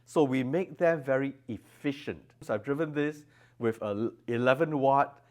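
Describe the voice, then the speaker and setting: Presenting products as their designer at a trade show, a man explains technical details with emphasis during an interview demonstration in an audio show's exhibition room. He speaks in a mid-range, a little mellow voice at a moderate pace.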